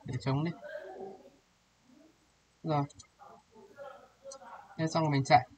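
A man's voice: a little high, little pitch movement, slow pace, a little mellow, low-quality recording. Man thinking aloud while tutoring code. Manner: thinks aloud while typing, checks understanding often. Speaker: programming tutor. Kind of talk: casual one-on-one coding tutorial. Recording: music playing behind.

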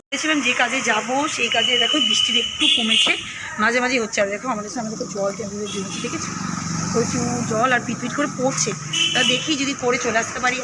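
A woman with a hoarse voice, chatting casually to her viewers in a home vlog from her kitchen and balcony. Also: on the high side, heavy background noise. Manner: chatty, addresses viewers directly. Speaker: lifestyle vlogger.

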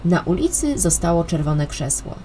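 A woman narrating a children's audiobook in a calm, expressive way. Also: fairly low pitch, moderate pace, a little hiss or hum. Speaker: storyteller.

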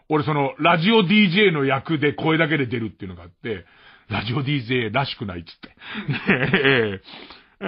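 Husky-voiced man rambling on late-night radio. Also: medium pitch. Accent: Tokyo. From Tokyo. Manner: rambling and self-mocking, chuckling often. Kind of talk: casual radio monologue. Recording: muffled mono radio archive.

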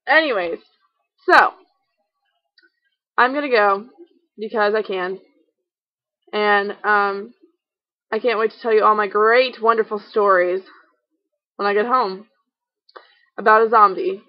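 A woman's voice: mid-range voice, takes it slowly, long pauses, dry recording, highs cut off. A young woman, a college student, casually telling a rambling story to her camera, full of "like" and self-corrections. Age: young adult. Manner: rambling, giggly storytelling with lots of "like".

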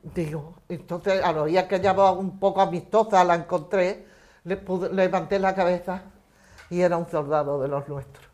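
An older woman giving personal testimony in a measured storytelling way, voicing the lines of the people in her memory. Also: fairly low pitch, steady tone, darkish tone. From Spain. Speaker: eyewitness interviewee.

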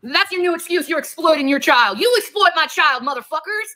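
A woman in an angry livestream rant, hurling profane, confrontational lines at critics. Her voice sits high, with a sharp, bright edge and big pitch swings. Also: expressive, a little fast. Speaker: livestreamer in a played clip.

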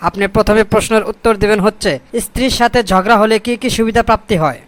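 A man with a high, fairly bright voice talks fast with fairly even intonation, playing a scheming, self-important corrupt boss in a comic cartoon. Speaking colloquial Bangladeshi, he sounds pompous and sly, asking questions in a mock-formal way.

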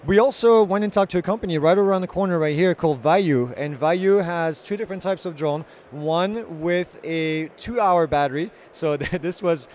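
A man's voice: fairly high pitch, darkish tone, a little hiss or hum. A man in his thirties hosting drone news, reporting from a large convention hall into a handheld mic. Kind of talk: trade show report.

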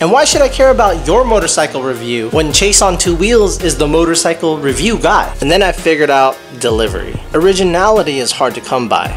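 A man in his thirties talks bluntly into a close handheld camera, his pitch swinging widely as he presses each point. He swears casually. Faint music runs beneath him. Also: fairly bright tone. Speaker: motorcycle vlogger. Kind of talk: direct-to-camera vlog. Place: home living room and garage, indoors. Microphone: handheld wide-angle camera close up.

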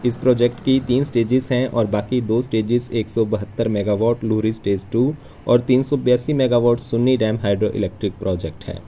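A man narrating a bus journey for his travel vlog, calm and informative. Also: mid-range voice, a little hiss or hum. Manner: informative, matter-of-fact. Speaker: travel vlogger.

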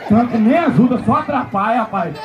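A man announcing a live rodeo, shouting, joking and egging on the crowd outdoors. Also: extremely high pitch, expressive, a little fast, highs cut off, noisy background. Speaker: event announcer. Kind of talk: live bullfight-style rodeo commentary. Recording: loud crowd and music outdoors.

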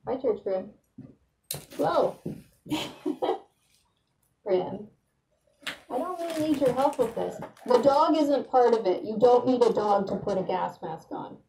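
A woman's voice: on the high side, expressive, slow pace, vocal fry, long pauses, dark tone, echoey room, a little hiss or hum, rough recording. A woman giving a casual how-to demonstration while speaking through a gas mask, chatty and plainspoken. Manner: chatty, plainspoken, laughs at herself.

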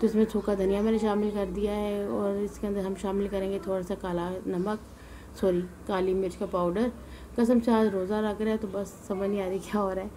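A woman's voice: mid-range voice, level tone, brisk, mellow, a little hiss or hum, low-quality recording. Tired woman cooking voice-over. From Punjab, Pakistan. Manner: chatty and homely, sprinkles devotional exclamations. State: tired and weary from fasting. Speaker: cooking channel host. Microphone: voice-over mic, not in the pictured kitchen.

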